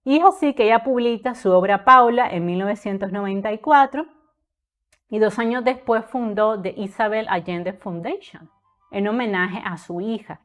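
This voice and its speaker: A woman's voice: mid-range voice, moderate pace, faint music behind. A woman hosting a live-stream literature lesson, speaking in an earnest, conversational way with frequent filler sounds. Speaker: literature tutor and channel host.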